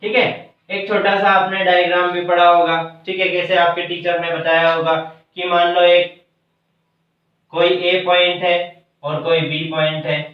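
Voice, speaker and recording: A man's voice: high-pitched, level tone, a little slow. A man teaching a math class, explaining step by step and answering his own questions. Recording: echoey room from far, dull lo-fi sound.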